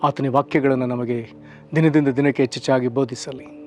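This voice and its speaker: Guy giving a short sermon, earnest, stretches words out for emphasis, soft music in the back. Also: mid-range voice, steady tone, a little fast. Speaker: preacher.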